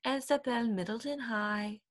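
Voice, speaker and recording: A woman voicing a shy sixteen-year-old exchange student girl, speaking slowly and carefully. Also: on the high side, close to an everyday voice. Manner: slow, careful speech.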